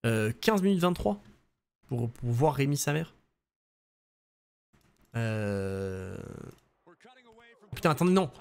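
A young man streaming a video game live, commenting casually with excited jokes and casual swearing, on a desk microphone at home. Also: medium pitch, slow pace, creaky, long pauses, clear, resonant tone. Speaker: gaming streamer.

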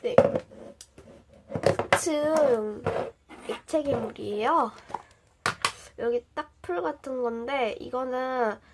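Her voice is high and slow, with long pauses, as a young woman nursing a slight cold talks through slime for her viewers. The cold changes her voice a bit; the casual show-and-tell vlog is chatty, packed with fillers and questions to the audience, recorded noisily at home.

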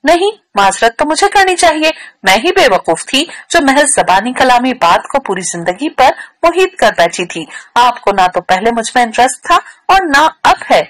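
A woman's voice: high voice, big pitch swings, moderate pace, hardly any pauses, fairly bright tone, rough recording. A woman voicing an upset young woman who speaks reproachfully and bitterly in a read-aloud novel.

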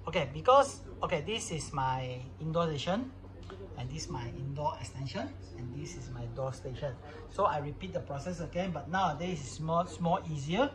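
In a low-quality recording, a man walks through an informal hands-on demo of a product, phrasing things casually in non-native English. His voice is a little high, lively in intonation, at normal speed.

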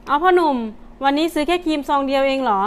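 Nosy auntie shopkeeper voiced by a woman, high, fast chatter. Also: natural voice. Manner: teasing, grumbling. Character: older female shopkeeper, nosy and grumpy. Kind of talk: comedy skit.

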